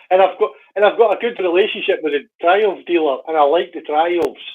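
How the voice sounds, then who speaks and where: Man from Glasgow, guest on a call, easygoing and hesitant, tinny phone-like sound. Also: sits high. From Glasgow, Scotland. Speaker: guest biker. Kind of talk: casual chat over a call.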